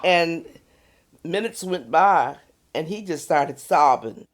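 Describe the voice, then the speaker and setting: An older woman being interviewed, calmly recounting a personal story and acting out the quoted voices of others. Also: low-pitched, takes it slowly. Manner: animated retelling, voices quoted speech, soft at tense moments. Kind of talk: conversational storytelling.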